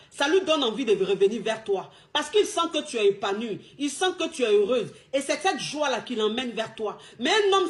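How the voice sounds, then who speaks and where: A high-pitched woman speaks as a relationship coach. Her delivery is emphatic and repetitive, peppered with street slang. It sounds like a casual advice monologue.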